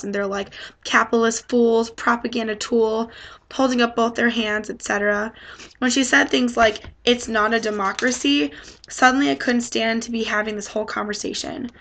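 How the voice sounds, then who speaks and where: Woman reading a book passage out loud, kinda high voice, lots of vocal fry, easygoing. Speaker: student reader. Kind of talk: reading a novel passage aloud, then commenting.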